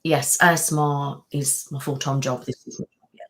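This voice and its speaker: A young woman who runs an ASMR channel hosts a casual live-stream chat, greeting viewers by name and describing how tired she is after moving house. Her voice is extremely low-pitched and level yet fairly bright, at normal speed, on a rough recording. She's chatty, thanks viewers by name, and says "um" and "literally" a lot.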